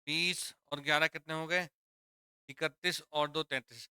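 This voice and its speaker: Bright, crisp-voiced man teaching a class. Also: a little high, fairly even intonation, a little slow, no room sound, clean studio sound. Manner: repetitive, quizzing students with questions; addresses students as children. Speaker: Hindi teacher. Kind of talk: classroom lesson on grammar.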